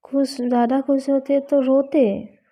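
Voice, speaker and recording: A woman's voice: sits high, flat delivery, a little slow, dark tone. A woman voicing a playful, affectionate young college woman who teases and coaxes her girlfriend, read out in a storybook. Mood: coaxing. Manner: teasing, coaxing. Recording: slightly dull lo-fi recording.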